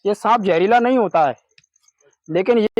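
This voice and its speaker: A young man works a snake rescue outdoors at night, his fairly high voice dropping to a soft coaxing murmur as he calms the animal. The recording is dry and slightly dull. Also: normal speed, no room sound. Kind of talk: narrating a live snake rescue.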